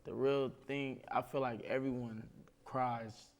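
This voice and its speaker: A young man from East Oakland talking candidly in a halting way, searching for words. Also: mid-range voice, fairly even intonation. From East Oakland, California. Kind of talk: candid group discussion.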